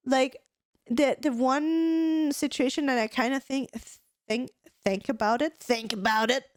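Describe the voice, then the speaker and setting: A high-pitched woman with an Austrian accent, a native German speaker, co-hosts a podcast. The recording is dry and studio-clean, and her casual chat rambles, full of fillers and restarts.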